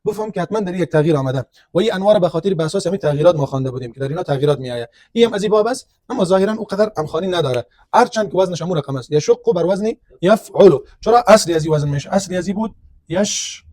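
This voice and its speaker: High-voiced male teacher. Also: lively intonation, darkish tone, dry recording, studio quality. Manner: explains step by step, asks and answers his own questions. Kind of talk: classroom lecture on grammar.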